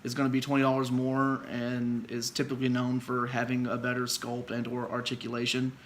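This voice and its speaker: A man's voice: mid-range voice, monotone, fairly quick, slight background noise. A man co-hosting a casual podcast about monster movies and toy figures, loose and rambling, laughing often. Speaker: podcast co-host. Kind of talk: casual chat. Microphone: podcast microphone.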